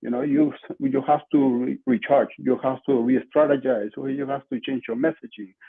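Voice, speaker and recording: An older Peruvian man from Lima talks as an interview guest on a podcast, a marketing entrepreneur who leans on emphatic repetition. His mid-range voice is creaky and slightly rough, with fairly even intonation, normal speed and a Peruvian Spanish accent. He's on a video call indoors in a small home room, and the desk-distance computer mic yields muffled, lo-fi audio.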